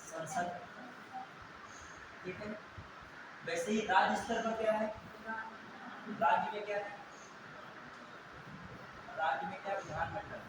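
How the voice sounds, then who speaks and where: A young man teaching a class, with a fairly high voice, firing recall questions at his students and then supplying the answers himself. He is heard from a distance in a very echoey room. A steady hiss sits under the recording. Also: slow pace, pauses often.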